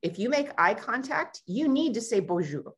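A woman's voice: fairly high pitch, moderate pace. An American woman who hosts a travel talk show, telling a story and acting out the voices in it. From United States. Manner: animated, acts out quoted voices. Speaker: travel show host and tour guide. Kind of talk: casual conversational storytelling.

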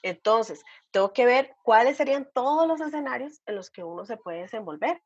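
A woman's voice: on the high side, expressive, a little fast, husky, dry recording. A woman, a vocational counselor giving earnest, emphatic advice in a podcast conversation. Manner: earnest, emphatic, repeats key points, asks rhetorical questions. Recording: dull lo-fi dry sound.

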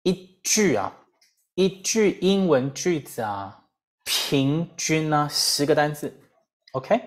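A woman with a Taiwanese Mandarin accent giving a lively English lesson, full of rhetorical questions and repeated drills. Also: deep voice, slow pace. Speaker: English teacher. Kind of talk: lively lecture.

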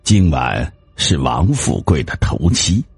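Male storyteller, very deep, gravelly and husky, dramatic scripted narration with lively pitch. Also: takes it slowly, no room sound, faint music behind. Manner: expressive, dramatic.

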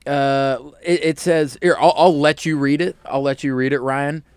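A man's voice: fairly high pitch, steady tone, moderate pace, smooth, no room sound. A man hosting a sports talk show, cutting in with prompts and questions.

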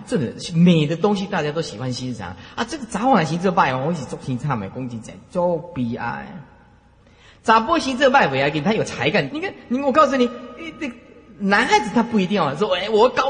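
Animated man lecturing in a reverberant hall. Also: a little high. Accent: Taiwanese Mandarin. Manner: animated storyteller who repeats phrases. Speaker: Buddhist lecturer. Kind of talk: lecture to students.

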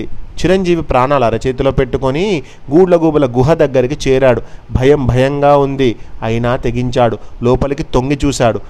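A man's voice: mid-range voice, a little mellow. A man telling a fable casually, explaining it with chatty asides. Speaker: storyteller.

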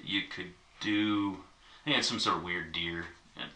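Deep-voiced man telling a rambling story. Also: steady tone, unhurried, pushed and bright. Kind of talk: casual chat. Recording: echoey room, mic at a distance, faint noise.

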